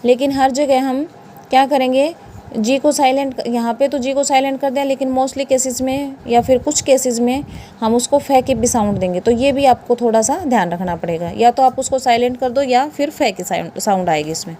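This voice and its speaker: A woman's voice: sits high, moderate pace, dark tone, a little hiss or hum. A woman with an Indian accent teaching English pronunciation in a classroom style. She spells words letter by letter and asks questions that she answers herself.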